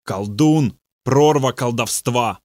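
A man voicing a boastful male demon speaking through a possessed youth, in a slow, low, gloating way. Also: darkish tone, no room sound, studio quality, lightly acted.

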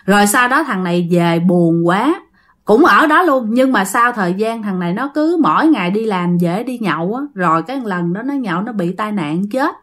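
A woman's voice: mid-range voice, lively intonation, normal speed, fairly bright tone. A woman with a Southern Vietnamese accent telling ghost stories for her channel in a chatty, dramatic way, speaking straight to her listeners. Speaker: storyteller of a ghost-story channel. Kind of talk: casual ghost-story narration.

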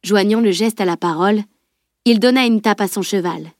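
A woman narrating an audiobook novel with a steady, even reading. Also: medium pitch, normal speed, no room sound, clean studio sound. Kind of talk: scripted narration.

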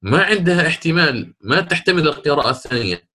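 A man's voice: on the high side, sing-song, fast talker, bright, forceful tone. A man teaching a class, explaining patiently with rhetorical questions and frequent restarts. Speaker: Quran recitation teacher. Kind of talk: classroom lecture.

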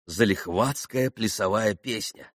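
A man reading an audiobook as narrator, in an expressive, measured way. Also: lowish voice, dry recording, clean studio sound. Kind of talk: scripted narration.

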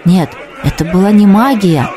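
A man narrating a fantasy audiobook in a measured storytelling manner, told from a woman's point of view. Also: high voice, lively intonation. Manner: measured storytelling, voicing shouts from the crowd.

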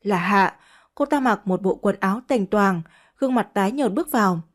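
A woman's voice: mid-range voice, moderate pace. A woman reads a first-person family drama story. She voices each character herself and shifts her tone for the quarrels and the crying. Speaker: audiobook narrator.

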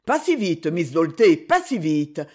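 Narrator playing a sarcastic male villain, cold, mocking, slow menace. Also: on the high side, sing-song.

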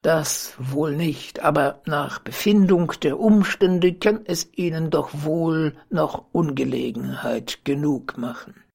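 A cautious, stern judge weighs his words slowly and carefully, as a reader puts him on. The voice is husky, in an audiobook of old literary prose. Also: medium pitch, darkish tone, exaggerated voice. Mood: measured.

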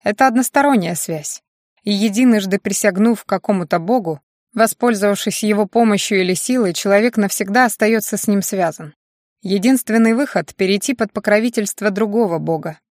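A woman voicing a dignified, weary male magister who lectures his students in a measured way. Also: medium pitch, darkish tone, no room sound, clean studio sound, natural voice.

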